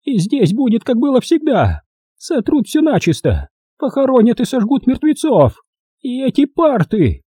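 Man voicing a shrill, creaky old crone. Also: wildly swooping pitch, unhurried, dark tone, no echo, exaggerated voice. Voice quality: creaky, grating. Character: shrill raspy old woman teacher, fanatical.

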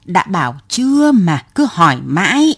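A woman's voice: lowish voice, big pitch swings, unhurried, breathy edge, no room sound, clean studio sound, exaggerated voice. A woman voicing a stubborn passenger in her seventies who answers curtly and refuses to get off, in a storybook reading. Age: 70s. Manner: curt, stubborn. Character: stubborn elderly woman passenger, curt and unruffled.

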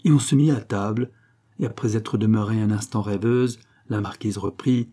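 A man narrates a novel in a measured audiobook reading. His voice is low and husky. The tone is dark and mellow. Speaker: audiobook reader.

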